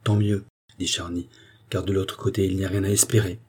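A man voicing a grieving nobleman who speaks softly and gravely, in a mellow, husky voice. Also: low-pitched, little pitch movement, a little fast. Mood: urgent. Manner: soft, subdued. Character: grieving noble count, gentle and sorrowful.

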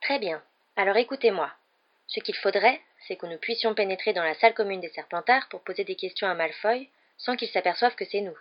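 A woman's voice: mid-range voice, fairly quick, muffled recording, close to an everyday voice. A woman voicing a clever, cautious schoolgirl who speaks carefully and earnestly.

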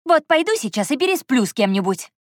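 A woman reading an audiobook and voicing a flustered, sharp-tongued young woman who talks high, loud and heated. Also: sing-song, brisk, no room sound, clean studio sound. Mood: shouting.

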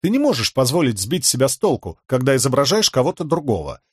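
A man's voice: mid-range voice, sing-song, fast, husky, dry recording, clean studio sound. A man reading an audiobook, voicing a worldly con woman who teases and instructs her young pupil. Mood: wry. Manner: wry, instructive. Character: worldly older woman con artist, teasing and wry.

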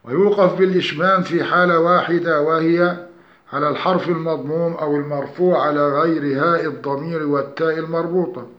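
A man's voice: a little high, fairly even intonation. Methodical male teacher in an echoey room. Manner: measured, methodical explaining, reciting example verses slowly. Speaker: teacher of Quran recitation rules. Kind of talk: structured lesson on recitation rules. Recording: echoey room, dull lo-fi sound.

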